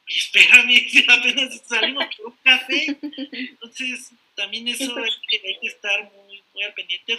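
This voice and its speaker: A man talks through faith and dating advice in a casual, animated way. His voice is husky yet strikingly bright and forceful, and he drops jokey asides as he goes. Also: high voice, low-quality recording. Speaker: guest. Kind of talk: casual faith-based podcast talk.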